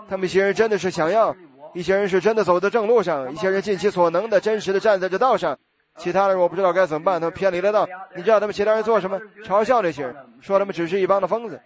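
Guy preaching a story sermon, quick and high-pitched, gets loud and animated. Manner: animated, acts out voices, bursts into shouts.

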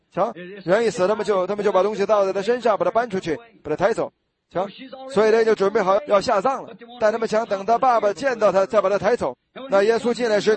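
A male preacher with a high voice delivers a sermon. He retells a scripture story vividly and acts out its scenes along the way.

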